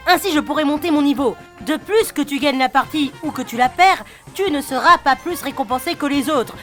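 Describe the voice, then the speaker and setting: A woman's voice: sits high, a bit bright. A woman hosting and narrating a scripted game review in a chatty voice, talking straight to the viewer. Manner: chatty, addresses the viewer directly. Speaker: YouTube host and narrator. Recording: narration with music bed. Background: music.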